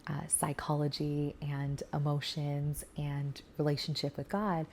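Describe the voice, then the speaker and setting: A young woman talks to the camera in a low, gravelly voice. Her tone is mellow and unhurried as she chats earnestly with other new mothers. She slips now and then into soft, breathy asides, with a faint hiss of room noise behind her. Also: completely flat delivery. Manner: chatty and earnest, many fillers, drops to soft breathy asides. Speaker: faith vlogger talking to new mothers. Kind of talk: casual heartfelt storytelling to camera.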